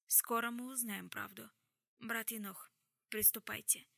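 A woman's voice: fairly high pitch, steady tone, a little slow, creaky, sharp tone, dry recording, clean studio sound, exaggerated voice. A woman reading an audiobook, voicing a stern, composed woman who speaks in a cold, level way.

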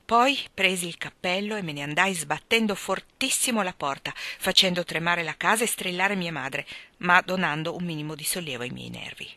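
A woman reading a novel aloud, narrating in a clear, expressive storytelling manner. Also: fairly low pitch, no echo. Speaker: audiobook reader.

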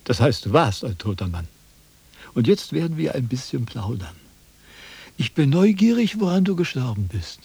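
A pompous, lecturing old sage. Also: male voice, mid-range voice, big pitch swings, normal speed, gravelly, a little mellow, slightly rough, full character voice. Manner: pompous, lecturing, easily indignant. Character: vain, pompous old male Chinese philosopher. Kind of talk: 1970s radio drama acting.

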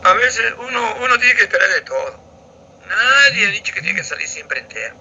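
Man, high and very bright voice, casual tutor talking through chemistry sums; dull lo-fi recording. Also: expressive, brisk, a little hiss or hum. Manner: offhand, talks through calculations aloud.

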